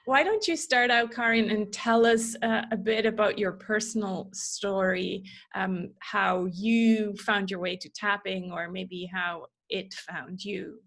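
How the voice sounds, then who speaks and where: A woman hosting a podcast, introducing her guest and asking gently inviting questions. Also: mid-range voice, fairly even intonation, measured pace, few pauses. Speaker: podcast host. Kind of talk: conversational interview.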